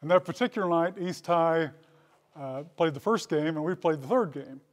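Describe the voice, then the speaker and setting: A man's voice: on the high side, moderate pace. Older man giving a folksy podium speech. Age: 60s. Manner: folksy storytelling with dry humor. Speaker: hall of fame inductee. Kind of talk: acceptance speech. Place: school hall with brick walls. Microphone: podium microphone.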